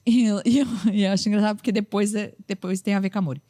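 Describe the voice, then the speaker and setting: A woman's voice: medium pitch, rapid-fire. A young Brazilian woman, a podcast host and preacher, telling a story in casual chat and acting out what others said. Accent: Brazilian Portuguese. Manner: lively, acts out what others said.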